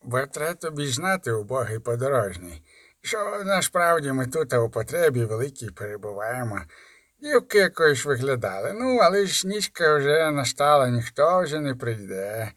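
A man's voice: mid-range voice, big pitch swings, a bit bright, no echo, clean studio sound. Man doing a lisping, drawling bandit. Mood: menacing. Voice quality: slight lisp. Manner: slow, drawling and mocking. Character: lisping menacing male bandit with a club.

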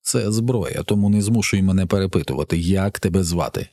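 A man voicing a calm, menacing armed man who gives curt, quiet, flat threats. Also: low voice, fairly quick, creaky, no echo, clean studio sound.

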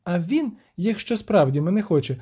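A shrill, indignant young siren, as a male narrator puts her on in an audiobook, complaining in a high singsong lilt. Her voice leaps around wildly but stays mellow and soft in tone. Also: sing-song, normal speed, slightly rough, heavily acted.

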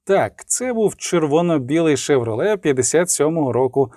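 A man reading an audiobook as narrator, with lively dramatic emphasis and the dialogue lines voiced. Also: a little high, normal speed, no room sound, clean studio sound. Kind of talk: scripted narration.

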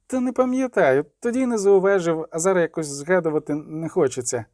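Man playing a high, fawning young peasant lad, rustic and rambling, audiobook figure. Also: brisk, darkish tone, dry recording, studio quality, natural voice. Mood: eager. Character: servile eager young male peasant lad.

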